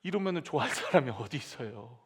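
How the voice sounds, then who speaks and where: A man pastor delivering a lively sermon, acting out quoted voices and dropping to soft asides. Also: medium pitch, fast, breathy edge. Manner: animated preaching with dramatic quoted voices and sudden soft drops. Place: church sanctuary.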